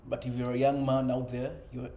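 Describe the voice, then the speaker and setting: A man's voice: mid-range voice, monotone, a little fast, mellow. A man in his thirties, a father, speaking earnestly in a conversational self-improvement monologue, often adding "you know" and "right?". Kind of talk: reflective personal monologue. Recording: echoey room with faint ambient noise.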